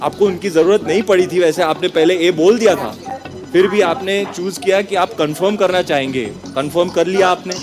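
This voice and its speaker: A man with a fairly high voice hosts a quiz show with playful energy. He teases the contestants and mixes Hindi with English phrases. A soft music bed runs beneath him. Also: normal speed. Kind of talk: energetic game show hosting.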